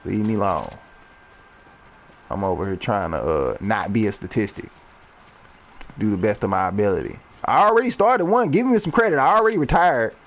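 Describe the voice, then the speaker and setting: A man's voice: fairly low pitch, sing-song, moderate pace, pauses often, a little hiss or hum. A man in his thirties, a rapper, rambling freely and swearing during casual gameplay commentary. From United States. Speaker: rapper and gaming streamer.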